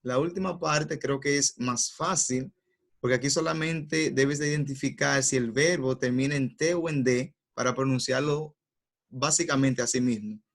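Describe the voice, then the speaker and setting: A man teaching pronunciation in a lesson. He patiently explains each step and says every sound or word twice, slowly and carefully. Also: medium pitch, fairly even intonation, creaky.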